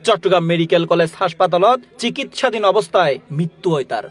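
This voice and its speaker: A man's voice: sits high, lively intonation, fast talker, faint music behind. A man with a Chittagong accent reads scripted narration for a news report. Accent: Chittagong, Bangladesh.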